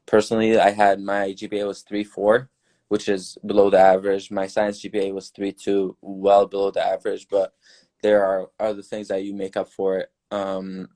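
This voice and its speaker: Young guy from syria, mellow dark voice, chill earnest advice on a podcast. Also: deep voice, moderate pace. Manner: earnest, relaxed, advice-giving. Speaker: newly graduated dentist guest. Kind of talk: casual podcast chat.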